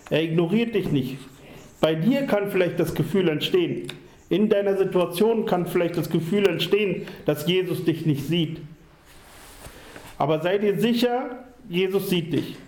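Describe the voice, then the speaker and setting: A man preaching a sermon in an earnest, measured way, repeating key phrases for emphasis. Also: high voice, darkish tone. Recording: echoey room.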